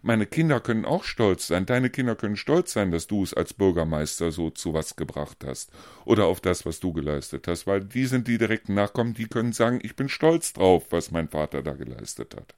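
Man, very deep voice, blunt heated rant, dry close sound. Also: animated, a little fast, few pauses, a little mellow, no room sound. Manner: blunt, heated ranting with emphatic repetition. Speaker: podcast co-host. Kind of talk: casual conversation.

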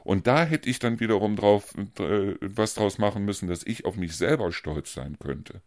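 A man's voice: fairly low pitch, normal speed, a little mellow, no room sound, clean studio sound. A man co-hosting a podcast in casual conversation, ranting bluntly and heatedly, hammering his points with repetition. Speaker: podcast co-host.

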